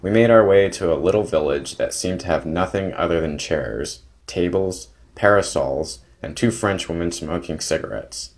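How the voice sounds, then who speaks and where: A young man with a low, deep voice tells his travel story in close, careful detail. He narrates plainly and steadily, sometimes stopping to correct a word. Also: animated, normal speed, few pauses. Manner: plain, detailed descriptive narration with small restarts. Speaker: vlogger narrating a trip.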